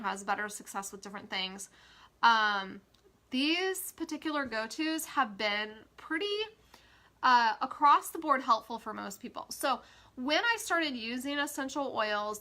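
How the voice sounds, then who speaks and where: Speaking on a casual social media live, this Kansas woman, an essential oil educator, sounds stuffy and congested and uses frequent fillers. Her voice runs on the high side, bright and forceful.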